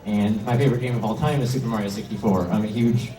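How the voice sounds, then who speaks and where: An indie game developer presents slides on a convention panel in an indoor room, speaking informally and a bit hesitantly to the audience. His voice is fairly low and steady with a quick pace. The echoey recording comes from a distant mic, with heavy noise and crowd sounds.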